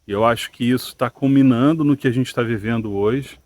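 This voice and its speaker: Speaking fairly quickly in a medium-pitched, slightly mellow voice, this Brazilian Portuguese-accented man hosts a channel. He muses aloud to camera in a casual opinion monologue, asking questions often and filling gaps with "né" and "tá".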